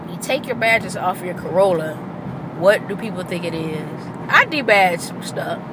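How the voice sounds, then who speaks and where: A woman chatting casually and animatedly while driving in traffic, swearing freely, recorded in her car. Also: fairly low pitch. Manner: chatty, profane, animated storytelling. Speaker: vlogger. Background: faint car and road noise.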